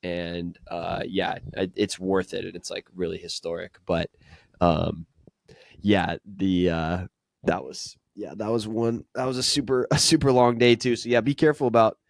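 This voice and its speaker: Male podcast host with a very deep, even voice, casual and chatty, dry booth sound. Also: moderate pace, creaky, no echo. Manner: relaxed, chatty, laughs often. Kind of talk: casual travel storytelling.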